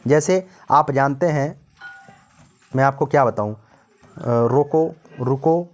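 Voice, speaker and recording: An Indian male teacher gives a recorded exam-prep lecture in a patient classroom manner. He explains each point in Hindi and reads English lines from his notes slowly, word by word. He keeps checking that his students are following. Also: mid-range voice, expressive. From North India.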